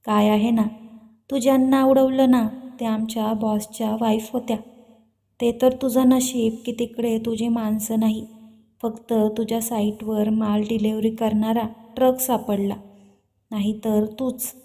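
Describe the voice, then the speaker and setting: A woman voicing a calm, cruel male henchman who threatens quietly, in a storybook reading. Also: extremely high pitch, measured pace. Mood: cold menace.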